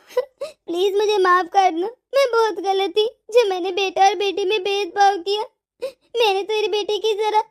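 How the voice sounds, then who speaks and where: A woman voicing an injured, self-pitying old mother-in-law in a cartoon, tearful and remorseful. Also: extremely high pitch. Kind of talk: cartoon voice acting.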